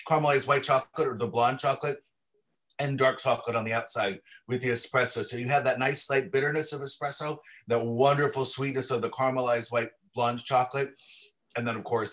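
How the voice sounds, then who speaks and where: On a livestream video call, a guest who makes chocolates eagerly walks through his products in a casual, descriptive way, restarting frequently. He speaks briskly in a mid-range voice that's a bit bright.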